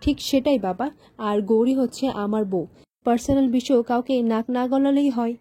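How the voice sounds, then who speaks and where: A woman's voice: on the high side, fairly even intonation, normal speed, mellow, lightly acted. A woman voicing a young husband who keeps questioning and protects his wife. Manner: probing questions.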